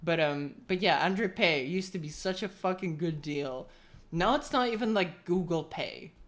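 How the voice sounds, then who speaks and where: Casting: woman from the UK, deep voice, casual vlogger style, rambling, sweary, opinionated ranting. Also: moderate pace. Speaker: tech vlogger.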